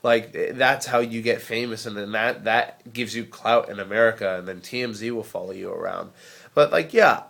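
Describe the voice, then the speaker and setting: A man's voice: on the low side, moderate pace, gravelly, fairly bright tone. A young man with a head cold, vlogging in a casual, rambling way and making sarcastic jokes. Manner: sarcastic, jokey, riffs in mock voices.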